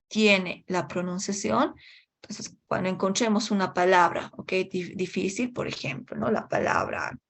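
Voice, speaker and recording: A woman gives an online English class lecture at an unhurried, slow pace and a middle pitch. Every few phrases she checks in with her students, and she drops English words into her explanations.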